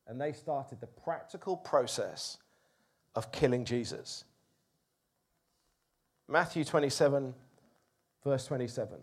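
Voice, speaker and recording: A man preaching a sermon, telling a story expressively with rising emphasis. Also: on the high side.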